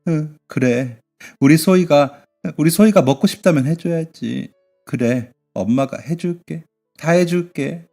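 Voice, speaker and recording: A man voicing a tearful middle-aged mother who speaks softly and slowly in a radio drama. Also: fairly high pitch, faint music behind, voice pushed up. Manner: soft, slow and tearful.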